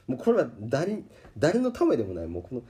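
A man with a Kansai accent hosting a podcast, telling a story in a casual, animated way and acting out the people he quotes. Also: mid-range voice, a little fast. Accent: Kansai Japanese. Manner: animated, acts out quoted voices. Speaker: podcast host. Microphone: podcast microphone.

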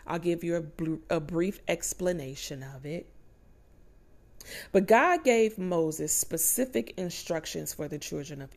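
A woman's voice: low voice, vocal fry, a little mellow. A woman preaching a sermon in a conversational way, often checking in with her listeners.

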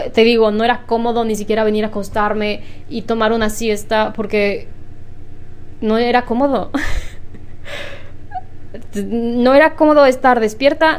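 Chatty young woman, slightly hoarse. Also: fairly high pitch. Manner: chatty, laughs often, clears throat. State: slightly hoarse after illness. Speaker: vlogger. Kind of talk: casual chat to camera. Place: home room. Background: washing machine.

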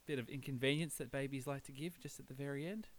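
A man's voice: medium pitch, steady tone, fast talker. An Australian man hosting a podcast in casual chat, with a laconic, laid-back drawl. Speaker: podcast host.

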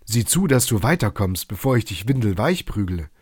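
A man voicing a hot-headed forester and sore loser who blusters loud threats in a storybook reading. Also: fairly low pitch, very animated, fairly quick, slightly rough, dry recording, studio quality. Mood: blustering.

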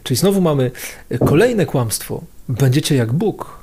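A man's voice: a little high, big pitch swings, measured pace, mellow, slight background noise. A man giving a casual video sermon as a priest, talking in a conversational, slangy way and repeating phrases for emphasis.

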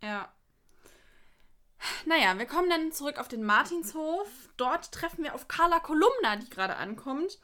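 Bright-voiced woman recapping a story. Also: high-pitched, big pitch swings, moderate pace. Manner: narrates plot steadily with quoted lines and dry comments. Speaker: podcast co-host. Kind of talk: casual chat recapping an episode.

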